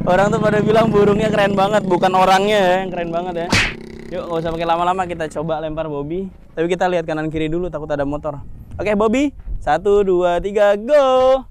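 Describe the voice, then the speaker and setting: A young man talking casually to viewers while training a bird outdoors by a road, chatty and at times shouting loudly to call it back. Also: on the high side, background noise. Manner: chatty, keeps addressing viewers as guys. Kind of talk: casual vlog commentary.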